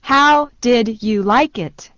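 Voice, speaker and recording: A woman slowly and deliberately repeating short phrases for learners in a language lesson. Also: a little high, fairly bright tone, dry recording. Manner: very slow, deliberate delivery. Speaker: phrase reader. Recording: dull lo-fi dry sound.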